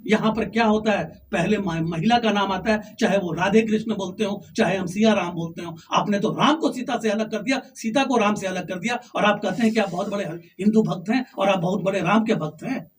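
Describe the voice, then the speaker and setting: A high-voiced man argues his side of a heated political debate and keeps pressing his point. He sounds insistent and combative. He is recorded from a distance outdoors, with faint noise behind him. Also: brisk, few pauses. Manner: insistent, argumentative, talks over the interviewer. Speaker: district-level opposition party official.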